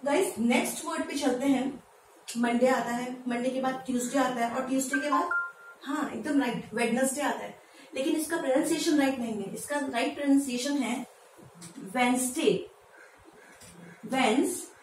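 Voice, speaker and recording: A woman teaching English pronunciation in Hindi, who asks her viewers questions and spells words out slowly, syllable by syllable. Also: high-pitched. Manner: lively, asks viewers questions and answers them. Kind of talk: Hindi-language pronunciation lesson. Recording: echoey room, voice from a distance, faint background noise.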